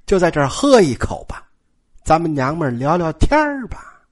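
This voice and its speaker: A man voicing a polite, gentle young woman who quietly probes a servant in a spoken story. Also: a little high, sing-song, moderate pace.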